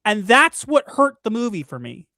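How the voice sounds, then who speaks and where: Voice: mid-range voice, sing-song, moderate pace, sharp tone, no echo. A stream host in a casual spoiler discussion of a movie, reading chat comments aloud and ranting emphatically.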